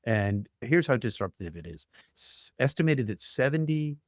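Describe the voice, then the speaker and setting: A man's voice: mid-range voice, big pitch swings, moderate pace, dry recording. Older guy telling his story, earnest, dry close sound, mid voice. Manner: earnest, vivid, acts out voices he heard. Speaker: guest telling his near-death story. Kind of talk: personal storytelling in an interview.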